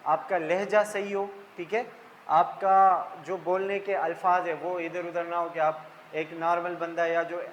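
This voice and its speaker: A male tutor with a high-pitched voice talks through lecture slides. He explains each term in plain, simple words and keeps checking in with his listeners. There is a faint hiss of noise behind him. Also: level tone, unhurried, rough recording. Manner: explains terms in simple words, repeats "ठीक है".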